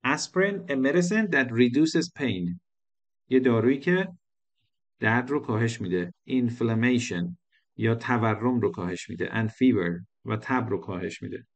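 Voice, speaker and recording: A man's voice: mid-range voice, lively intonation. A male English teacher explaining a lesson patiently, repeating phrases and switching between languages.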